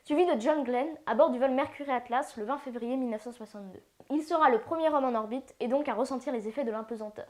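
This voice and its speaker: A woman's voice: high-pitched, fast, few pauses. A woman narrating a casual educational video, with playful slangy asides. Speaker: science channel narrator.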